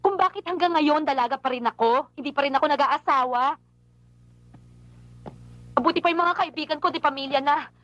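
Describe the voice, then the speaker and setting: A woman's voice: sits high, fairly bright tone, no room sound, lo-fi sound. An actress playing an unmarried woman who scolds her long-absent lover in an emotional film scene. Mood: reproachful. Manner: emotional, reproachful, rapid complaining. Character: unmarried woman, hurt and longing, outspoken. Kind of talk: film drama acting.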